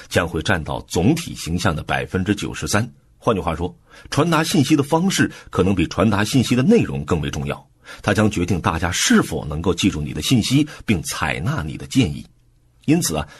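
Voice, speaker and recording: A man narrating a book summary for an audiobook in a relaxed, explanatory way, with soft filler particles. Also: sits low, breathy edge.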